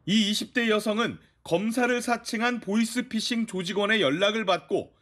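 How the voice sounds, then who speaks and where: Male news reporter, noticeably high register, scripted report narration. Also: moderate pace, a bit bright.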